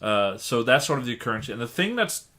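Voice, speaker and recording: A man's voice: medium pitch, very animated, bright, forceful tone. A man hosting a casual chat about a video game, explaining how it works at length. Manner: explains game tips at length, quick asides.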